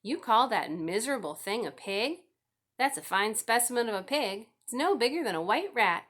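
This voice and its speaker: A woman voicing a cheeky, demanding ten-year-old farm boy in a storybook, speaking bluntly and loudly. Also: fairly high pitch, animated, moderate pace, voice pushed up. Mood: brash.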